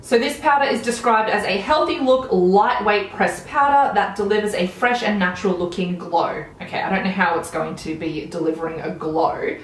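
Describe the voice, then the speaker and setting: An Australian woman in her thirties, a beauty vlogger, keeps up chatty, enthusiastic product talk through a makeup tutorial in a small room at home. She speaks at medium pitch and normal speed with few pauses, in an echoey room with slight background noise.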